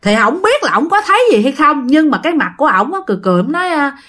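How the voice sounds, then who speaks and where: Southern vietnamese woman telling a ghost story, kinda high voice, bouncy and lively, chatty, talks right to the listeners. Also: very fast. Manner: chatty, addresses listeners directly. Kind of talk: casual ghost story narration.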